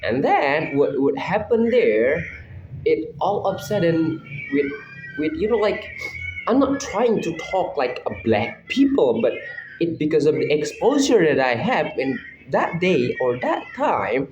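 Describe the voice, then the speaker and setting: A man's voice: on the high side, very animated, a little slow, background noise. A young man with an Indonesian accent casually answering assignment questions, reflective and often restarting his sentences. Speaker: student. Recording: roomy, slightly dull recording.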